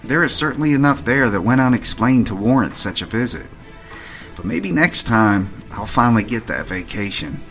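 A man narrating his own paranormal investigation in a measured, matter-of-fact way. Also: medium pitch, animated, fairly bright tone, soft background music. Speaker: podcast narrator. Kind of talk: first-person paranormal storytelling.

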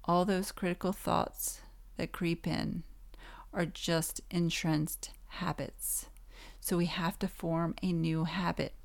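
A woman hosting a self-help podcast, giving calm, instructive advice in a gently encouraging way, while hoarse and losing her voice. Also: on the low side, slow. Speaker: podcast host.

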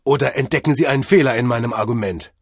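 A man voicing a brash young man who loudly bullies a butler, sarcastic and overbearing. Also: medium pitch, fast talker, husky, no room sound, studio quality, voice pushed up. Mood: mocking.

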